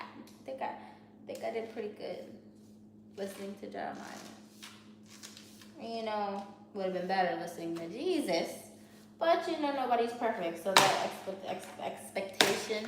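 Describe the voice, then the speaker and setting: A student vlogger with a Haitian Creole accent talks candidly about her studies in a medium-pitched voice with vocal fry. She rambles, often restarting sentences and repeating herself, in a very echoey, noisy room.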